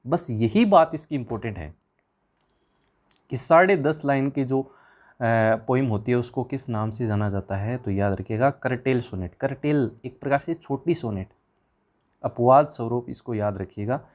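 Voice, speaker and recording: In an exam revision class, a man fires questions at his students and answers them himself in a chatty, informal manner. His voice sits at medium pitch with a darkish tone and moves at normal speed.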